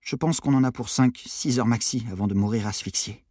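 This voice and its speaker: A man voicing a weary, calculating teenage boy who speaks flatly and matter-of-factly. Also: medium pitch, brisk, breathy edge, dry recording, clean studio sound, voice pushed up, lightly acted. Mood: grim calm. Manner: flat, tired and matter-of-fact.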